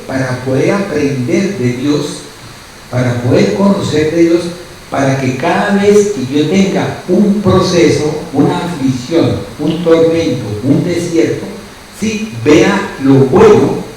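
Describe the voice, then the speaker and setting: A man's voice: a little high, darkish tone, heavy reverb, recorded from a distance, a little hiss or hum, low-quality recording. A man preaching a sermon as pastor, who keeps asking his listeners short questions. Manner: asks the congregation constant questions.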